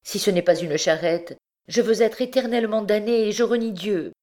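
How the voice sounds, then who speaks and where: A woman's voice: normal speed, darkish tone, lightly acted. A woman doing a frantic old recluse woman. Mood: pleading. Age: older. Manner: pleading, high and strained.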